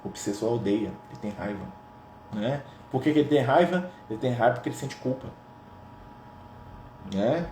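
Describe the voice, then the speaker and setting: With a darkish tone and mid-range pitch, a man leads an informal gospel study in a Brazilian Portuguese accent, animated but at a moderate pace and pausing often. He tends to finish phrases with tag questions. The room echoes, and there's slight background noise.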